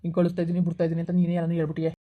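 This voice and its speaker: A woman's voice: fairly low pitch, completely flat delivery, phone-quality sound, close to an everyday voice. A woman playing a young man who scolds and comforts a crying friend like an older brother in a village comedy skit. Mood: soothing. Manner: scolding yet reassuring, fast and blunt.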